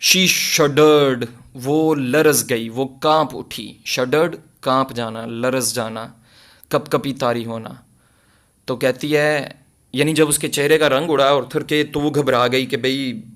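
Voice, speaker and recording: A man with a Pakistani accent teaching an English lesson, reading each line slowly and explaining it in Urdu. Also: mid-range voice, fairly even intonation, a bit bright.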